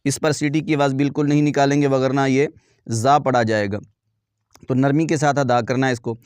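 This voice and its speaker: Clear-voiced man teaching Quran letters. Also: medium pitch, steady tone, darkish tone, no room sound. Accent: Pakistani Urdu. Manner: slow drawn-out syllable drills, brisk asides explaining pronunciation. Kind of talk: slow recitation lesson with explanations.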